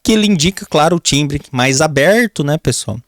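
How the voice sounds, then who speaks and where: Man, Brazilian accent, grammar teacher, drawn-out emphasis on key words, dry close sound. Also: a little high, animated, no echo. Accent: Brazilian Portuguese. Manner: keeps calling the class "pessoal", stretches key words slowly; writes on a board while explaining. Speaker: Portuguese teacher. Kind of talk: exam-prep grammar lesson.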